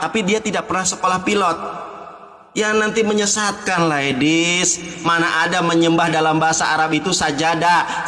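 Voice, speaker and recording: A man's voice: a little high, sharp tone, reverberant, big-room sound. A man in a heated live debate, taunting his opponent and reciting Arabic phrases. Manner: mocking, taunting, insulting.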